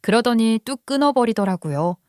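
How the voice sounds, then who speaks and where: An older woman giving a calm, scripted first-person narration of a family story. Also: fairly high pitch, normal speed, no room sound, clean studio sound.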